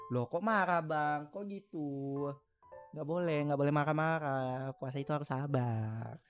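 A young man streaming casually, teasing his chat and laughing often, with sudden loud outbursts. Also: fairly high pitch, dull audio. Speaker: VTuber streamer. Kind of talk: casual live stream chat reading viewer messages.

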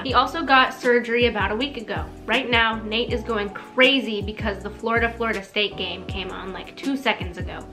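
A young woman reading her childhood diary aloud and commenting on it, amused and embarrassed, with exclamations. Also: on the high side. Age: young adult. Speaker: vlogger. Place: small decorated room indoors. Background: background music.

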